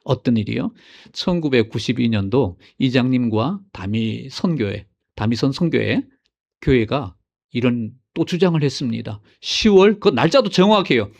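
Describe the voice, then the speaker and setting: A man preaching a sermon as senior pastor, swinging between loud exclamations and hushed asides and putting questions to his congregation. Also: mid-range voice, sing-song, moderate pace, gravelly.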